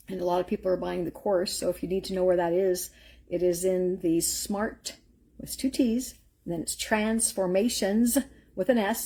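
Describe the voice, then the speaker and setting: Husky, mellow-voiced woman giving faith encouragement. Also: mid-range voice. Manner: earnest, rambling, storytelling with filler words. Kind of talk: live-streamed faith encouragement talk.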